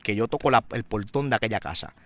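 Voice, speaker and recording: A man's voice: lowish voice, animated, quick pace. Intense man telling his story. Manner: vivid, dramatic storyteller, growing louder and more intense. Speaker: guest giving testimony. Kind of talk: personal testimony in an interview.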